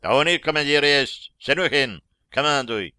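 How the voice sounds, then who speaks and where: Guy doing a gruff bossy colonel in an audiobook, crisp and dry. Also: a little high, expressive, moderate pace, sharp tone, no echo. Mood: stern. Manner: barking gruff orders. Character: stern commanding male colonel. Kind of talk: audiobook reading.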